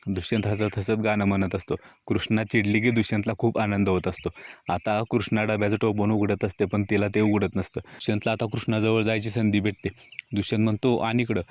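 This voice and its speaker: Flat, low-voiced man recapping a serial. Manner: even storytelling with quoted lines read in his own voice. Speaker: serial episode narrator. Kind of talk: recapping a TV serial episode, reading out dialogue.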